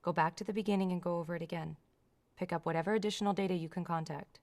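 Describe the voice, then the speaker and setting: An actress playing a calm female counselor who gives steady, reassuring instructions. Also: fairly low pitch, rapid-fire, lightly acted. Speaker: counselor in a demonstration session.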